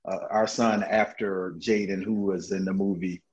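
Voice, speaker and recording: A man talking as a guest in a casual interview, an energetic storyteller who laughs often and restarts his sentences. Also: sits low, moderate pace. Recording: dull lo-fi audio.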